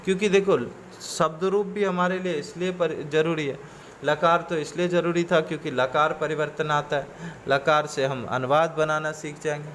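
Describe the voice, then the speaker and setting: A man's voice: fairly high pitch, level tone, moderate pace, a bit bright, a little hiss or hum. A man teaching a coaching class, reciting word forms in patient lists and mixing English words into his explanations.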